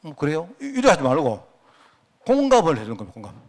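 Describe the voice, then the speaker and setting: A man's voice: fairly high pitch, huge pitch swings, fast talker. A male pastor with a Gyeongsang accent preaching a sermon in a conversational way, often asking the congregation questions. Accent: Gyeongsang Korean.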